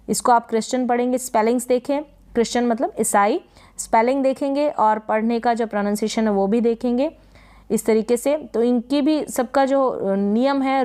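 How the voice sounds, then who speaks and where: Clear-voiced woman teaching pronunciation. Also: fairly high pitch, moderate pace, darkish tone. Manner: patient, repeats words and asks rhetorical questions. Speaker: English teacher. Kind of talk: spelling and pronunciation lesson.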